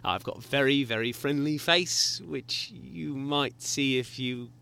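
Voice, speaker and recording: An actor playing a friendly hospital doctor who talks in a chatty, reassuring way with plenty of fillers. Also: male voice, mid-range voice, a little slow, gravelly, sharp tone, clear, resonant tone. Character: confident, friendly adult male hospital doctor.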